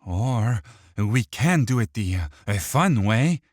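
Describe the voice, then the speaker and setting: A man's voice: lowish voice, very animated, slow, dry recording, clean studio sound, voice pushed up, exaggerated voice. A man voicing a small, wiry male thief who taunts his captive in a mocking, sing-song way and hides a psychotic rage.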